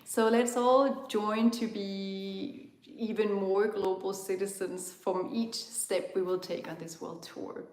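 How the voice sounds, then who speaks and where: A Danish-accented woman from Denmark hosting a live online spiritual talk, speaking gently and searching for words with frequent ums. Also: mid-range voice, steady tone, takes it slowly, echoey room. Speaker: spiritual host of an online tour.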